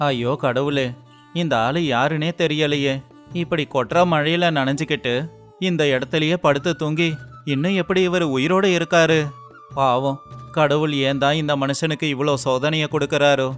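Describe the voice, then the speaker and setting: A man's voice: on the high side, steady tone, moderate pace, a bit bright, faint music behind, close to an everyday voice. A man voicing a poor young fisherman who laments earnestly and tearfully in a storybook tale. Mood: kind, concerned. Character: poor young fisherman, despairing yet kind. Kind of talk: storybook voice acting.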